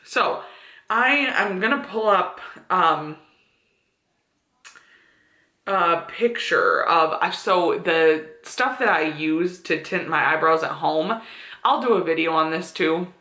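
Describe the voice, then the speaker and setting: A young woman in her twenties talks casually to camera at home, rambling with fillers and easy laughs. Her voice is bright and forward, and the room around her rings with echo. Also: lowish voice, slow pace. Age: 20s. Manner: chatty, with frequent fillers and laughs. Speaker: beauty vlogger. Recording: echoey room.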